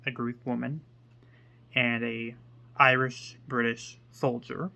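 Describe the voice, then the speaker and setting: A man hosting his own book channel, talking casually to the camera in a hesitant, rambling way with many pauses and fillers. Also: medium pitch, level tone, vocal fry, pushed and bright. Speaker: book reviewer.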